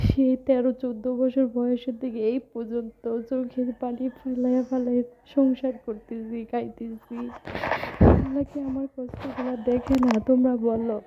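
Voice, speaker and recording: A woman speaks on a personal vlog in a fairly high voice that stays within a narrow range. She is crying as she talks, lamenting and pleading, circling back over the same phrases. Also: a little hiss or hum. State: tearful, crying. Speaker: vlogger addressing her followers. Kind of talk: emotional personal vlog monologue.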